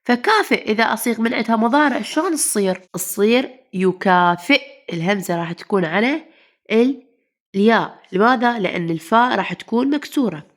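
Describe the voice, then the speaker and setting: A woman's voice: on the high side, animated, fast talker. A woman teacher with an Iraqi Arabic accent, a little unwell, explaining a grammar lesson and asking the class questions she then answers. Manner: asks the class then answers herself, calls pupils "mama".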